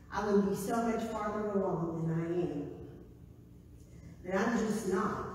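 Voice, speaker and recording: A woman's voice: medium pitch, slight background noise. Female pastor, 60s, chatty sermon delivery, recorded from afar in a reverberant sanctuary. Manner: conversational, animated, gestures while preaching. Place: church sanctuary, indoors. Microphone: far camera. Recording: echoey sanctuary from far off.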